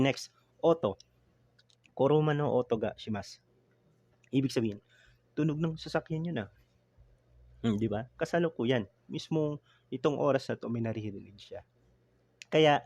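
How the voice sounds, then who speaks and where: A man's voice: medium pitch, a little mellow, no room sound. A man teaching Japanese grammar in a casual, chatty online lesson, mixing in English and often checking with "no?". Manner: chatty, code-switching, frequent "no?" tag checks.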